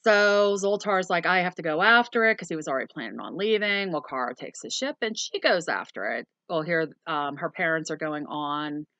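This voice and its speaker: Woman co-host, lower-pitched, bright tone, rambling plot recap, dry room. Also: animated, moderate pace, few pauses, dry recording. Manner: rambling, with frequent ums and plain swearing. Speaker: movie review co-host. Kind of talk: casual chat summarizing a movie plot.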